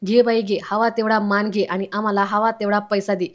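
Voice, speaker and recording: A man's voice: sits high, level tone, moderate pace, close to an everyday voice. A woman reading a sly scheming neighbour man. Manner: persuasive, sly. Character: scheming middle-aged man, society member.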